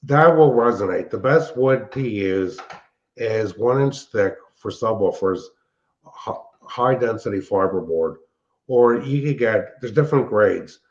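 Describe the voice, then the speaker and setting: An older man with a lowish, animated voice talks at a measured pace, chatting casually and technically as a show host and hobbyist who explains things in a rambling way. The recording sounds dull and band-limited.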